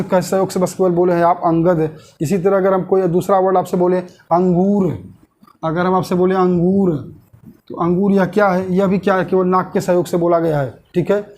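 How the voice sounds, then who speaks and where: Hindi teacher asking and answering himself. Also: male voice, sits high, darkish tone. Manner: asks questions and answers them himself; repeats key terms slowly. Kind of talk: online classroom lesson.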